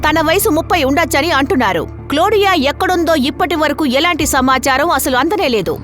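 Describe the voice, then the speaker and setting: A woman's voice: sits high, animated, quick pace, a bit bright, soft background music. A woman playing an earnest TV news reporter, delivering a formal bulletin in a dubbed crime drama. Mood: urgent, formal.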